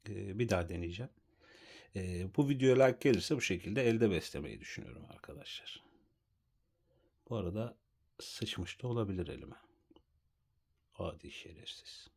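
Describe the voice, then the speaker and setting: Young male vlogger, low voice, slangy and teasing, casual home video, drops to a hush now and then. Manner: teasing, scolds the snake with slang; drops to a soft whisper at times. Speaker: vlogger feeding a pet snake. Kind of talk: casual hand-held vlog. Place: at home, indoors.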